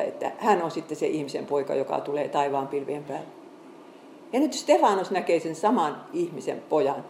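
Woman preacher, earnest and chatty, low mellow voice, echoey room. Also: slight background noise. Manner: earnest, conversational, with halting restarts. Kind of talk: sermon with Bible reading.

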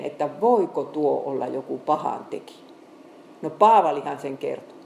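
Woman preacher, earnest and chatty, low mellow voice, echoey room. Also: a little hiss or hum. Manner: earnest, conversational, with halting restarts. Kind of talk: sermon with Bible reading.

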